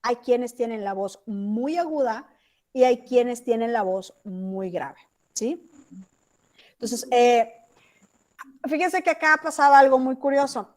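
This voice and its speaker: A woman with a Mexican accent teaches a class over a video call. Her voice sits high, and her talk is chatty, with frequent checks that everyone is following along. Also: lively intonation, takes it slowly, pauses often. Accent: Mexican Spanish. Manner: chatty, asks checking questions. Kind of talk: online class lecture.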